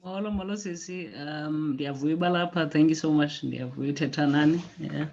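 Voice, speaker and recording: A South African woman with a Xhosa accent, a guest author chatting casually in a mix of two languages, haltingly and repeating words. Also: sits low, a little mellow. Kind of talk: casual conversation, mixing English and isiXhosa. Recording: dull, lo-fi sound.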